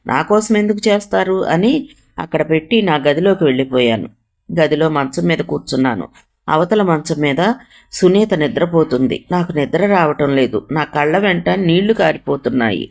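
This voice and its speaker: A woman narrating a first-person story as a storyteller, briefly acting out the quoted lines of its characters. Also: sits low.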